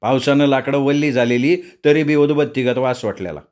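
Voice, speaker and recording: A man's voice: medium pitch, a little mellow. Man telling a folksy story. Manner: folksy rural dialect, measured recounting. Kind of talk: storytelling narration.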